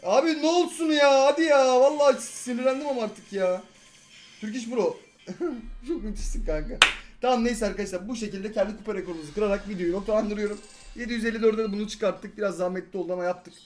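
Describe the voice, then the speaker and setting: A young man in his twenties giving live gameplay commentary, excitable and often exasperated at his teammates. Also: high voice. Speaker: gaming YouTuber.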